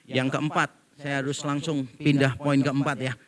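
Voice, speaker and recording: A man's voice: mid-range voice, level tone, normal speed. A middle-aged male pastor, preaching a humorous sermon and acting out the people he quotes. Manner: joking storyteller, acts out quoted people.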